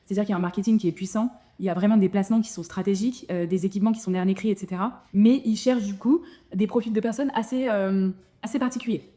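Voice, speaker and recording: Quick-paced and dark in tone, her medium-pitched voice tells of her life abroad. She's a thirty-something dentist with French as her first language, chatting to camera with frequent fillers and restarts.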